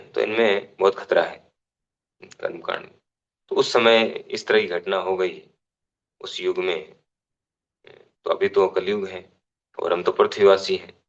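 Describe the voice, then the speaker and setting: A man's voice: sits low, steady tone, unhurried, long pauses, highs cut off. A man giving a devotional scripture class, explaining unhurriedly, restating phrases and giving everyday examples.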